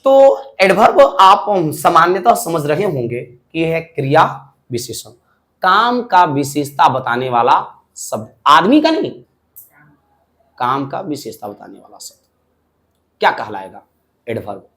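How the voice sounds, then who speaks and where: Lively man teaching an English lesson. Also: fairly high pitch, measured pace. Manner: lively explaining, asks frequent checking questions. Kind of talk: classroom lecture.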